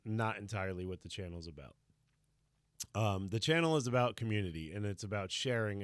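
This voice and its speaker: A man in his thirties, a streamer and parent, chatting casually with a slightly hoarse, tired voice, rambling and reflective with many fillers. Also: lowish voice, dry recording, clean studio sound. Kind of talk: casual live-stream chat.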